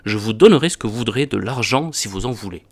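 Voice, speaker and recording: Un homme qui lit les répliques d'un mari jaloux et frustré dans une farce classique, sur un ton poli et respectueux. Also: male voice, fairly low pitch, animated, quick pace. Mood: deferential. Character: jealous, frustrated husband, humble and deferential. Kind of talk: reading a classic farce aloud.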